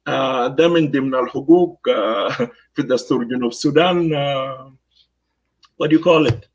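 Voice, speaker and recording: A man with a South Sudanese Arabic accent giving political commentary, slipping between Arabic and English and pausing on many fillers. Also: medium pitch, low-quality recording. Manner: mixes Arabic with English phrases.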